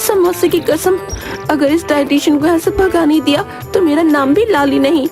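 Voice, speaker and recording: Woman voicing a cartoon young wife, greedy, cheeky, whiny, very high voice, music behind. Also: normal speed. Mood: defiant. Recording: voice over background music.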